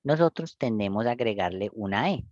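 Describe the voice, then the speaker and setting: A man's voice: lowish voice, animated, a little fast, darkish tone, dry recording, highs cut off. A man teaching English in Spanish, patiently explaining pronunciation step by step and checking in often. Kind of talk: one-on-one online English lesson.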